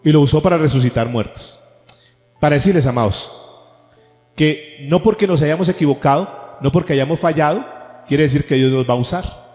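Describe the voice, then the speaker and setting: A man's voice: fairly high pitch, normal speed, long pauses, darkish tone. A man preaching a sermon as pastor, asking the congregation rhetorical questions. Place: church hall. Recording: echoey church hall with faint music.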